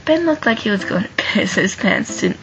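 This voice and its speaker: A woman's voice: medium pitch, expressive, moderate pace, poor audio. A young woman casually reading her own first-person fan story aloud, chatty, with asides to listeners and many restarts. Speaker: fan fiction reader. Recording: music clearly behind the voice.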